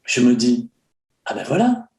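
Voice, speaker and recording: Gravelly-voiced French man, hesitant. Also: mid-range voice, sing-song, a little slow, darkish tone. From France. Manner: hesitant, many fillers and restarts. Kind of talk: casual conversational sharing. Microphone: video call.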